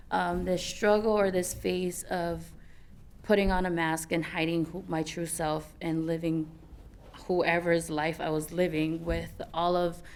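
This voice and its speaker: Young female panelist, low and gravelly, candid and halting. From American Samoa. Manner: candid, halting, many fillers and restarts. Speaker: youth panelist. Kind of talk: personal story at a conference panel.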